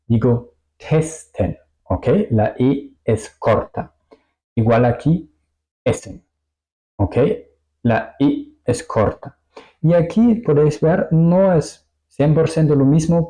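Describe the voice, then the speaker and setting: A man's voice: mid-range voice, warm tone, low-quality recording. A German man teaching a language lesson in Spanish, with small slips, repeating example words carefully and often checking with "ok?".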